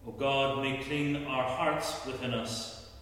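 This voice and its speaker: A man leading a church service, reciting the creed and prayers in a steady, measured way, his voice ringing in a cathedral echo. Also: mid-range voice. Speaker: service leader. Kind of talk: liturgical recitation. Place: large church. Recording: echoey church from far off.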